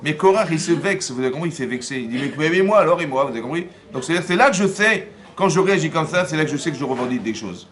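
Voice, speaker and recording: A man, a rabbi, giving a lively Torah class, often acting out dialogue and asking his listeners whether they follow. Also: on the high side, fast, hardly any pauses. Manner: acts out dialogue in first person.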